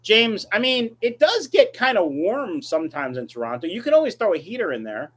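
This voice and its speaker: A man's voice: high-pitched, big pitch swings, fairly quick, a bit bright, husky. A man hosting a casual livestream, reading viewer questions and answering them in a blunt, offhand way. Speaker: livestream host, aquarium fish breeder.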